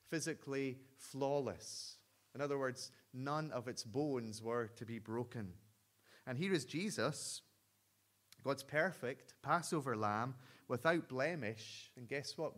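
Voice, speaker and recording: A man preaching a sermon, telling a story earnestly and dropping to a hush at the solemn points. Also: mid-range voice. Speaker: pastor.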